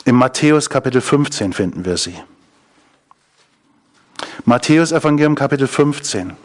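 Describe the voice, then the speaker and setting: A man's voice: mid-range voice, animated, normal speed. A man preaching a sermon, often asking his listeners questions. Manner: engaging, asks the audience questions.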